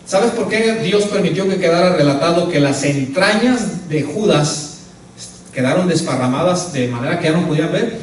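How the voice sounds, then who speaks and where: Pastor guy preaching, high voice, super echoey church, kinda far from the mic. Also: lively intonation, moderate pace, slight background noise. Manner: emphatic, often calls out "hermano". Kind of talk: sermon.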